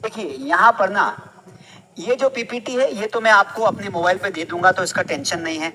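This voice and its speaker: High, bright-voiced man teaching English. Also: moderate pace, low-quality recording. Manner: repeats questions to the audience, quizzing. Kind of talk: casual classroom teaching.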